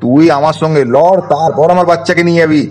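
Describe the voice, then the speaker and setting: A man's voice: on the high side, steady tone, fast, a little mellow, soft background music, natural voice. A man voicing a grumbling, boastful village father in a doll-play story. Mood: blustering.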